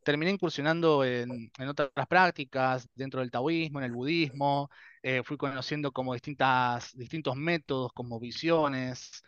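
A man's voice: mid-range voice, moderate pace, fairly bright tone, clear, resonant tone, no echo, highs cut off. A man in his thirties with a Rioplatense Spanish accent, telling his story as a guest in a casual interview, acting out dialogues and laughing often. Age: 30s.

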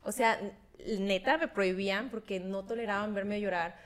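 A woman's voice: mid-range voice, moderate pace. A young Mexican woman hosting a podcast, talking candidly and telling stories with laughter. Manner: candid, animated storytelling with laughs. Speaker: podcast host. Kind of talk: casual chat.

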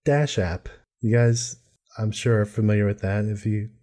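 A man with a fairly low, soft-edged and mellow voice hosts a tech podcast. He keeps the discussion casual and conversational. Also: fairly even intonation, moderate pace. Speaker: podcast host.

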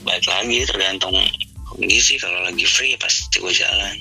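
A middle-aged father heard over the phone, chatting casually in short, relaxed answers with small restarts, sounding distant and thin. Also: deep voice, normal speed, creaky, faint music behind. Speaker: father of the host. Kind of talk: casual chat.

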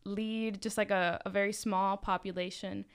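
A woman's voice: medium pitch, flat delivery, normal speed, clear, resonant tone. A young woman from Miami talking casually on a podcast as a student club leader, chatty and full of fillers. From Miami, Florida. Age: young adult. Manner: chatty, with many fillers and restarts.

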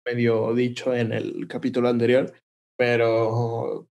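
A young man with a Mexican accent, co-hosting a podcast in relaxed, slangy chat. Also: mid-range voice, slow pace. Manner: relaxed, slangy, hesitant fillers. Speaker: podcast co-host. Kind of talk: casual chat.

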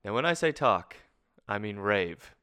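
A young Canadian man hosts a casual film podcast in a bright, crisp voice that sits a little low. He talks with eager enthusiasm and laughs easily. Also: very animated, unhurried. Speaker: podcast host.

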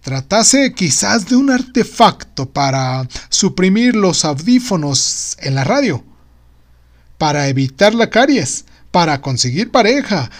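A sardonic male bureaucrat, as a storyteller puts him on talks in a somewhat high voice. He is officious, wordy and sceptical, mocking in a storybook manner. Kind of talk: audio storybook.

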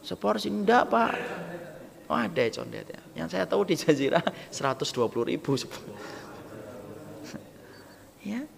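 A man preaching a humorous sermon, acting out little dialogues as he jokes with the crowd. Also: sits high. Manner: lively, joking, acts out quoted dialogue. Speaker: Islamic preacher. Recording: gravelly voice with long hall reverb, faint background noise.

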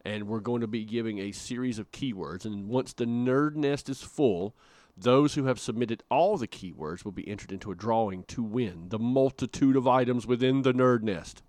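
A man's voice: medium pitch, darkish tone, no room sound. A man co-hosting a casual podcast, joking around playfully and stretching words for emphasis. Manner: jokey, playful, drawn-out emphasis. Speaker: podcast co-host.

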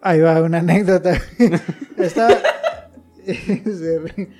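A man's voice: a little high, fairly even intonation, slow pace, warm tone. A young man with a Mexican Spanish accent, telling a slangy anecdote through laughs in casual chat. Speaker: podcast co-host.

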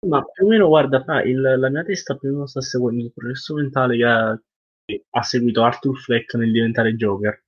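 A man's voice: mid-range voice, fairly quick. A young man in a casual, conversational podcast chat with friends. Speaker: podcast co-host. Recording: dull lo-fi online call audio.

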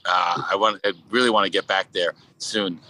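A man with a Brooklyn accent talking casually as a podcast guest, in a halting, rambling way full of "you know". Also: sits low, fairly even intonation, pushed and bright, poor audio. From Brooklyn, New York. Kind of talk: casual conversational interview.

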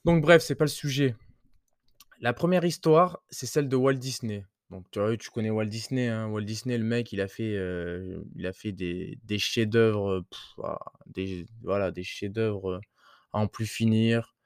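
A man's voice: on the low side, a little slow, clear, resonant tone, no room sound, clean studio sound. A man hosting a casual motivational podcast, talking loosely with crude slang and many hesitations. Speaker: podcast host.

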